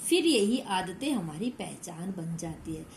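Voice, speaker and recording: A woman's voice: on the low side, lively intonation, unhurried, gravelly, a little mellow. A woman teacher who reads a story aloud to young pupils, retells each line in simple words and asks the class questions. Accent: Hindi. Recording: echoey room with faint background noise.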